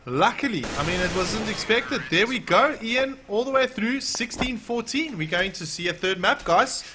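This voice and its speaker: A man's voice: high-pitched, expressive, normal speed, background noise. A man with a South African accent casting a live esports match in a chatty, opinionated way. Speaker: esports caster.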